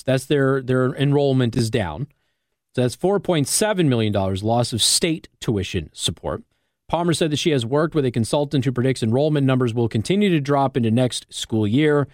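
In a radio studio, an American man with a mid-range voice talks as a show host, explaining conversationally and frequently checking understanding with "okay?" and "all right?" A close microphone captures studio-quality audio without echo.

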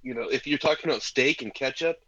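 A man's voice: medium pitch, fast talker, sharp tone, dry recording, muffled recording. A man joining a podcast as a guest in casual chat, explaining things matter-of-factly.

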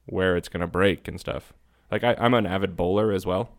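A low-pitched man talks briskly and steadily while co-hosting a podcast. He explains things in a relaxed, informal way, reasoning out loud during the casual conversation.

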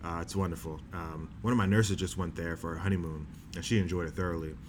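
A young man from New Jersey with Bahamian family, a doctor in training, answering interview questions in a measured, explanatory way with filler words. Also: low voice, fairly even intonation. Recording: noisy recording.

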